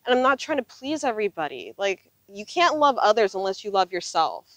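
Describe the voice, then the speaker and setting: Recorded with a clip-on lapel mic on an open desert gravel lot, a full-time RV traveler in her thirties talks in a casual interview, earnest, reflective and conversational. Her voice is medium-pitched and fairly bright, with big pitch swings, a slightly fast pace and no room sound.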